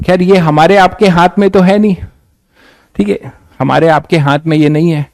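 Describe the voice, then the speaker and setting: A young man with a fairly high voice lectures physics students and keeps firing rhetorical questions at them, plainly frustrated. The sound is dry and close, with no room around it. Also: steady tone, moderate pace, darkish tone, no room sound. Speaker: physics teacher. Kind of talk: lecture with a rant.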